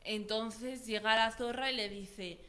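A woman teacher with a bright, ringing, high-ish voice leads a student through a story, narrating with lively energy. She keeps asking encouraging questions. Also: unhurried. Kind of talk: guiding a student through a read-aloud story.

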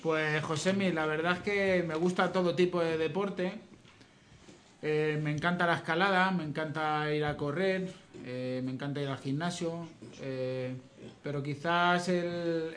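A man's voice: fairly high pitch, steady tone, unhurried, a bit bright. Spanish man telling a long joke. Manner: tells jokes, chatty. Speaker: guest. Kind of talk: casual chat.

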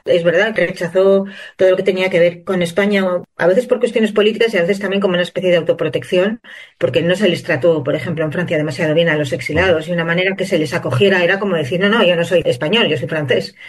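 High-voiced man, earnest guest. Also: fast talker. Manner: earnest, fluent, steady explaining. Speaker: journalist and author guest. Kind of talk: interview answers.

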